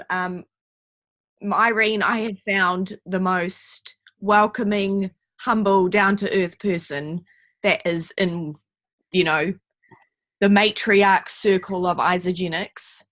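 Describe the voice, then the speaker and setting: Bright, gushing woman hosting a call. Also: medium pitch, fairly even intonation, takes it slowly, no echo. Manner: effusive, gushing thanks. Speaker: call host. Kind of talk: casual video call chat.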